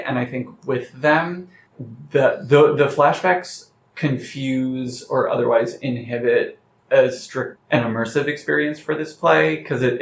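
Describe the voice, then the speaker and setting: A reflective playwright with a gravelly, medium-pitched voice talks through a thoughtful interview. The recording is roomy and slightly muffled, with noticeable background noise.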